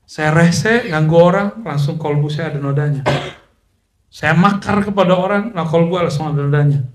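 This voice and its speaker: A man's voice: on the high side, normal speed. Echoey chatty preacher man. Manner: chatty, joking asides, Arabic recitation mixed in. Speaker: Islamic preacher. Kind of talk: casual religious lecture.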